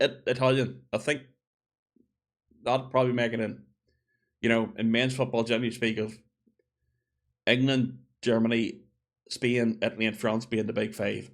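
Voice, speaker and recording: A man giving a casual opinion monologue, chatty and thinking aloud as he corrects himself. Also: mid-range voice. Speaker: gaming video creator.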